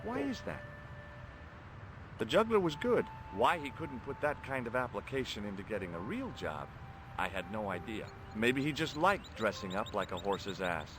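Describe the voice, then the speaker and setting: A man's voice: lowish voice, big pitch swings, moderate pace, music in the background. An actor playing a wry adult male amateur sleuth in a video game, speaking in a dry, sardonic way.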